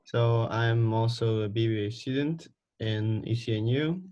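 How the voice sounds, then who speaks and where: A man's voice: mid-range voice, fairly even intonation, unhurried, darkish tone. A young man giving a matter-of-fact student self-introduction. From Hungary. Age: young adult. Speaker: student presenter. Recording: dull lo-fi recording.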